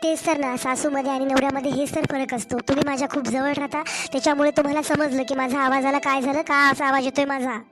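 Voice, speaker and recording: A woman voicing an aggrieved young wife and mother in a cartoon story, hoarse from a cold and complaining in a Marathwada Marathi accent. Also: sits high, little pitch movement, fast talker, hardly any pauses, over music, natural voice. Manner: complaining, pleading.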